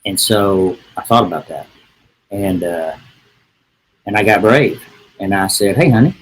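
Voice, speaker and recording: A man's voice: sits low, unhurried, a little hiss or hum, poor audio. A middle-aged man, telling a rambling, folksy story as a podcast guest. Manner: folksy, rambling, with many "and, uh" restarts. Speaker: real estate agent, podcast guest. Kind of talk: casual storytelling.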